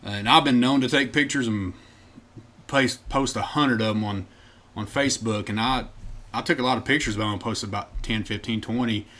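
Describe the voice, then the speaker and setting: A man's voice: mid-range voice, fairly quick, a bit bright. A man co-hosting a podcast, laid-back and chatty, drifting off into side tangents. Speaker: podcast co-host. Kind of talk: casual chat.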